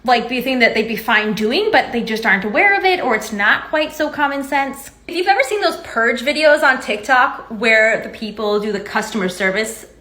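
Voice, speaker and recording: A woman's voice: fairly high pitch, expressive, moderate pace, few pauses, sharp tone. Chatty young woman in an echoey room. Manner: chatty, candid, lightly sarcastic. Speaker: vlogger. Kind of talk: casual explainer to camera.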